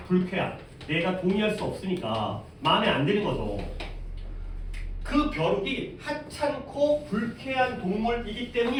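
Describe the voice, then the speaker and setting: A male teacher explains a reading passage to his class, stopping often to ask questions and answer them himself. His voice sits high and moves a lot in pitch. The sound is very echoey, picked up from across the room with faint noise behind. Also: recorded from a distance. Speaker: high school English teacher.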